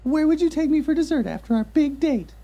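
A woman's voice: sits high, expressive, brisk, dark tone. A woman voicing a coy ghoul scream queen who politely questions her dates in a comedy animation.

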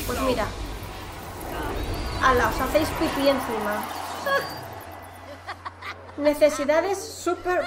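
A woman from commentating her game with teasing humor and frequent laughter. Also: sits high. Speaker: gaming youtuber. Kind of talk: excited gameplay commentary. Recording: echoey room with noise.

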